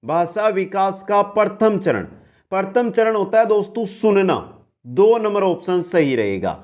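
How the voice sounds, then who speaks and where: Brisk high-voiced male exam tutor. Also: animated, darkish tone. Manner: brisk quiz-answering, repeats the question then gives the answer; often addresses listeners as friends. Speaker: exam-prep teacher. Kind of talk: online exam-prep lesson.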